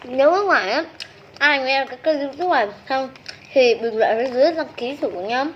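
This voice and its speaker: A youngster from a small video channel chats casually during a meal, mukbang style, while eating. The voice is high and a bit fast. The recording sounds muffled and lo-fi, with noise in the background.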